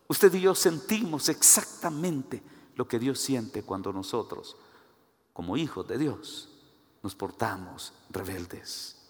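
A man preaching a sermon, shifting between loud exhortation and hushed asides. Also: mid-range voice. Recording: echoey hall.

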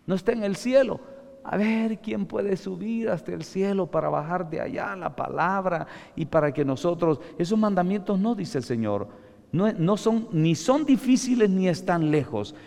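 A man preaching an emphatic sermon, reading scripture slowly and calling the listeners brother. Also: sits high, lively intonation, vocal fry, a little mellow, big-room sound.

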